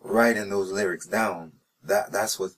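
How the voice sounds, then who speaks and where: Answering questions in a recording studio, this interview guest, a reggae singer-songwriter born in New Jersey and raised in North Carolina, speaks with a faint Jamaican-sounding lilt. His voice is on the low side, steady, a little slow and a bit bright. He pronounces words carefully, with frequent "you know"s and restarts.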